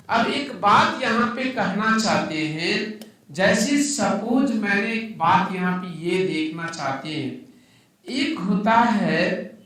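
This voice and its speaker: A man's voice: fairly high pitch, a bit bright. A man teaching maths in a classroom lecture, who keeps asking the class questions and answering them himself. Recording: echoey room, mic at a distance.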